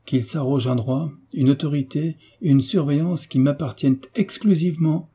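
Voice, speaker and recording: A man reading a fussy, excitable guardian baron in a French audiobook. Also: fairly high pitch, normal speed, breathy edge, voice pushed up. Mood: indignant.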